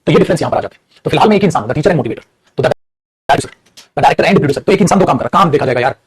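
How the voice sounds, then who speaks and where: Male English teacher with a Bhojpuri-tinged Hindi accent, a husky voice and a quick classroom delivery that mixes Hindi and English. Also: a little high, lively intonation, no echo. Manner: rapid, addresses students as beta, mixes Hindi and English. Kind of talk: classroom grammar lesson.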